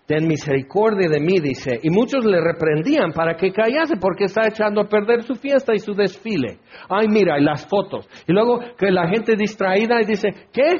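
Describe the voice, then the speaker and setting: A man preaching a sermon in an animated way, acting out the crowd's voices. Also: high voice, normal speed, few pauses, slightly rough. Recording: dull lo-fi recording.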